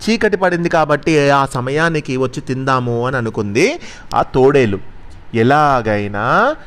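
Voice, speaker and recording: A man narrating a children's story as a storyteller, expressive and gentle. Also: medium pitch, unhurried.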